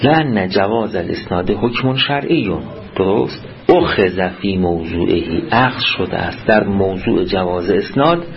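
A man's voice: low voice, expressive, lo-fi sound. A man teaching a seminary class, reading passages aloud and explaining them, often quizzing his students. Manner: reads Arabic text then explains it in Persian, quizzing students. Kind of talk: classroom lecture on jurisprudence.

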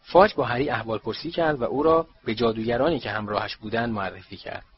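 A man reading a storybook aloud in steady, measured scripted narration. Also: medium pitch, muffled recording. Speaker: audiobook narrator.

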